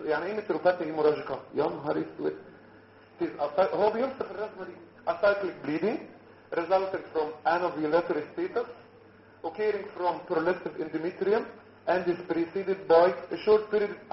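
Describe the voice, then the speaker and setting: A man's voice: high-pitched, slight background noise. A man with an Egyptian Arabic accent teaching medical students, joking and quizzing them as he mixes in English terms. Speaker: medical lecturer. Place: lecture hall. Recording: roomy, muffled lecture hall recording.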